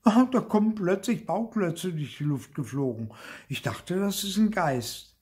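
An older man reading aloud, voicing an excitable, insistent little girl in a storybook. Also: a little slow. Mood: wondering. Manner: shrill, wide-eyed and insistent.

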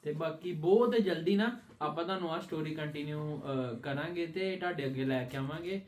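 A man's voice: on the high side, normal speed. A man, the channel's creator, casually explaining a delay to viewers in a friendly way. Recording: echoey room with faint noise.

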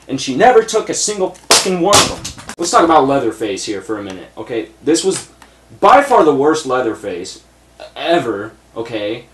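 A young adult man with a medium-pitched, reverberant voice rants about a movie in a blunt, profane, exasperated review. He sits at a desk in a small room packed with shelves.

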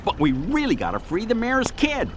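An actor playing an exasperated, earnest aging superhero sidekick in a cartoon game. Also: male voice, high voice, wildly swooping pitch, normal speed, noisy background. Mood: fretful.

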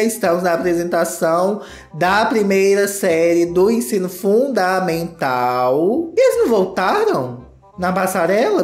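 A YouTuber host with a Brazilian Portuguese accent and a fairly high, reverberant voice delivers campy, theatrical comedy commentary on fashion runway walks. He keeps breaking into shrieks and exclamations.

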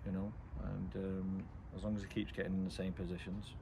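A middle-aged English man, a football manager, giving a blunt, measured post-match interview outdoors at night, with frequent ums. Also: low-pitched, flat delivery, gravelly. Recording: outdoor noise behind.

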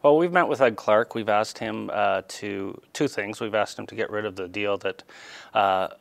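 A man's voice: fairly low pitch, normal speed, vocal fry, dry recording. A middle-aged man answering interview questions as an industry spokesman, hesitant, with many fillers and repeated words. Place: small TV studio. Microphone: lapel mic.

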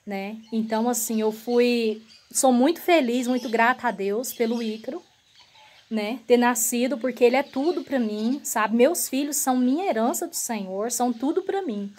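Woman vlogger, slightly higher voice, earnest personal storytelling that keeps turning to the viewers. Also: normal speed. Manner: earnest, emotional, often addresses viewers directly; relaxed, repetitive phrasing.

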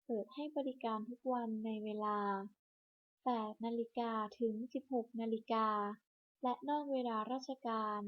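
Higher-voiced woman announcing over a hospital PA. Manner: measured, even list-by-list reading. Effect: broadcast over a hospital public address system. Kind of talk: scripted informational announcement. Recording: muffled lo-fi loudspeaker broadcast.

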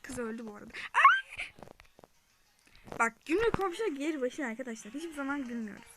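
A woman's voice: high voice, animated, racing, very noisy. A young woman chatting through her own gameplay for a gaming channel, often dropping into whispers and yelping when chased. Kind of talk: casual gameplay commentary.

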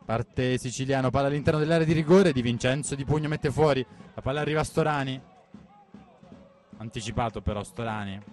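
A man delivers breathless, excited football play-by-play, urgently repeating players' names and phrases. His pitch is medium and his delivery brisk.

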